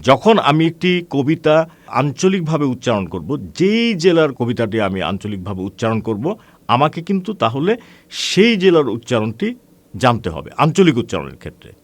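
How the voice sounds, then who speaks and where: Lively-voiced male teacher lecturing students. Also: medium pitch, no echo. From Bangladesh. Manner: addresses students as friends, asks rhetorical questions; measured explaining with frequent hesitations. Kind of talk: online class lecture.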